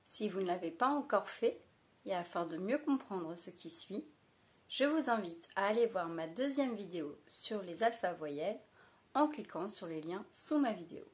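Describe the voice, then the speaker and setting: A woman teacher giving an early reading lesson to young children, sounding out syllables one by one in a slow and deliberate way. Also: medium pitch, lively intonation. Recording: echoey room.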